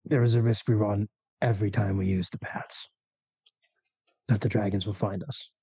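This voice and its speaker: A man voicing a cautious ancient dragon advisor in a measured, solemn, cryptic dragon voice for a tabletop game. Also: on the low side, steady tone, warm tone, breathy edge, no room sound. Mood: grave warning.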